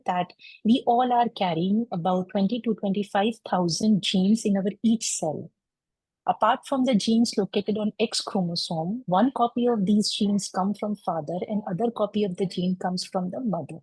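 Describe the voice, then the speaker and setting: A woman explains medical genetics in a steady, methodical way, often pausing with an "uh." Her voice has a slightly husky, mellow tone. She comes through a computer mic on a video call, and the sound is dry and close with no room echo. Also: mid-range voice. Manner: measured, explanatory, with frequent uh fillers. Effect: heard over a video call. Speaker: clinical geneticist presenting a webinar lecture. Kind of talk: medical lecture.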